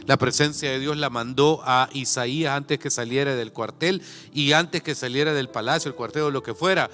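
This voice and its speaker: A male pastor with a Salvadoran accent preaching a sermon, reading scripture slowly and then breaking into folksy conversational asides. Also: mid-range voice, pushed and bright. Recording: reverberant church hall with faint music.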